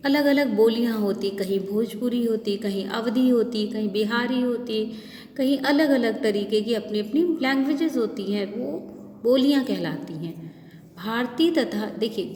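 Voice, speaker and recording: A woman's voice: a little high, a little mellow. A woman teacher with a Lucknow Hindi accent explaining a lesson, asking questions and answering them herself. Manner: explains slowly, asks and answers her own questions. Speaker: schoolteacher. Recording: echoey room with faint ambient noise.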